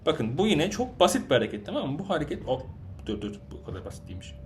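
Male gaming host, rapid-fire and a touch high, vents at his teammates mid-match. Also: huge pitch swings, a little hiss or hum. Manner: exasperated ranting at teammates, loud outbursts and muttering. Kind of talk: live gameplay commentary answering chat questions.

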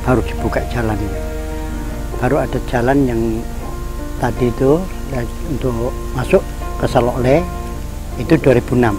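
A man's voice: mid-range voice, fairly even intonation, normal speed, pauses often, rough recording. An older man, a village elder, answering interview questions plainly and agreeably, with hesitant fillers, outdoors on a porch. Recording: music playing under the voice.

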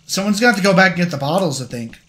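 A man's voice: sits high, very fast. A young man streaming a horror game with friends, chatting casually to his viewers. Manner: excitable, laughing, talks to chat. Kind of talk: casual gaming chat.

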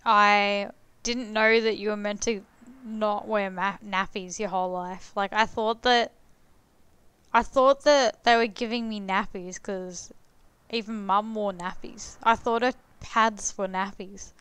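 A woman's voice: medium pitch, steady tone, a little slow, fairly bright tone, clean tone, no echo. A young woman, chatting blunt and crude as she plays a life-sim game, swearing and laughing freely. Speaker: gaming streamer. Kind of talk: casual gameplay commentary.

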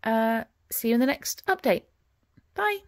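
At home by her stitching frame, a cross-stitch vlogger gives a casual progress update, chatty and rambling, dropping to murmurs as she counts stitches. Her voice is fairly high and expressive, a little slow, captured dry with studio quality.

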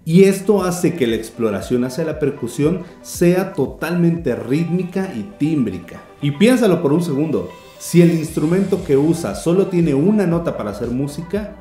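A man's voice: a little high, expressive, moderate pace, hardly any pauses, warm tone. A man teaching percussion in a scripted video lesson, explaining step by step and speaking straight to the viewer. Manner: explanatory, addresses viewer directly. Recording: roomy echo, faint music behind.

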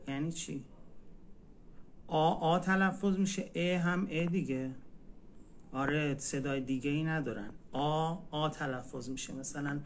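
A man's voice: a little high, a little hiss or hum. Man teaching a casual live lesson. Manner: patient, repeats words slowly. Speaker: language teacher.

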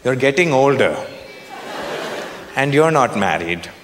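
A man's voice: medium pitch, big pitch swings, slow, slight background noise, pitched below the performer's own voice. Man putting on a fretting Indian mom. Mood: coaxing. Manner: coaxing, worried. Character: fretting Indian mother, older woman. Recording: echoey hall, live crowd laughing.

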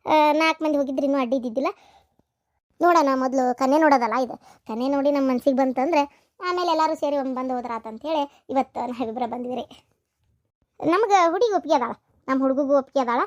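A woman's voice: high-pitched, no room sound, studio quality, natural voice. A woman voicing a talkative middle-aged mother in a cartoon, speaking in a North Karnataka Kannada accent. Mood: chatty. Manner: brisk and talkative. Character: middle-aged mother visiting to see a bride, chatty.

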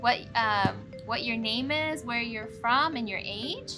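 High-voiced woman hosting for children. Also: unhurried, over music. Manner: encouraging, explanatory. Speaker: children's show host and teacher. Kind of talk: children's educational presenting. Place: small room indoors.

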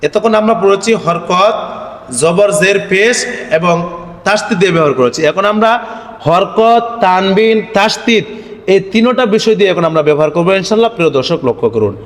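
A man teaching Arabic letter spelling for Quran reading, drilling the syllables slowly in a singsong chant and asking questions that he answers himself. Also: sits high, animated. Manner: asks the viewers questions and answers them himself. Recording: echoey room with long reverb.

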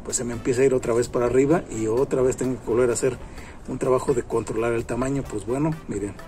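A man's voice: mid-range voice, steady tone, fast talker, dark tone, slight background noise. A man in his thirties hosting a casual gardening tutorial outdoors in a garden, chatty and repetitive, with many fillers as he talks to the camera. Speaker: gardening channel host. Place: outdoor garden among plants.

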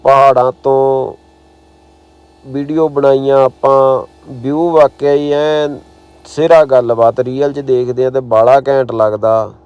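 A man's voice: mid-range voice, fairly even intonation, unhurried, darkish tone, clean tone, dry recording, highs cut off. A man with an Indian Punjabi accent narrating a travel vlog in casual, slangy, exclamatory talk. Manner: colloquial, slangy, admiring exclamations. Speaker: travel vlogger.

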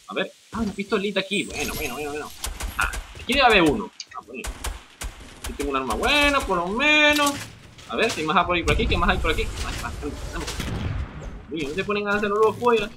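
A man with a Venezuelan accent giving excitable live game commentary, yelping, swearing and talking to himself. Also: sits high, fast, background noise. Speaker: gamer.

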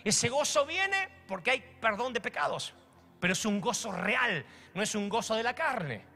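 A pastor with an Argentine accent preaches with theatrical flair, slipping into quick acted exchanges to make his point. His voice sits high for a man, bright and forceful. The delivery is dramatic and animated throughout. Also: creaky. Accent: Argentine Spanish. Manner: dramatic preacher acting out dialogues with shifting voices. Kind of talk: sermon.

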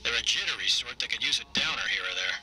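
Wry musing man, bright forceful voice. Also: mid-range voice, lively intonation, slight background noise, rough recording. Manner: wry, musing, measured wording. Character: wry, observant man musing on a jittery fishing town. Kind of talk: scripted audio-log monologue in video game.

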